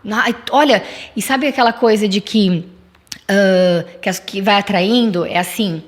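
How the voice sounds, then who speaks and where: A woman's voice: medium pitch, unhurried. A woman podcast guest telling a personal story in casual chat and making earnest, faith-filled declarations.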